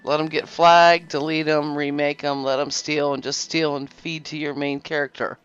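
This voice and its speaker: Woman, smooth voice, casual game tutorial, rambling with fillers, slightly dull lo-fi sound, faint music behind. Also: deep voice, little pitch movement, normal speed. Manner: rambling, self-correcting, lots of fillers. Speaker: game guide video host. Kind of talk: casual gameplay tutorial narration.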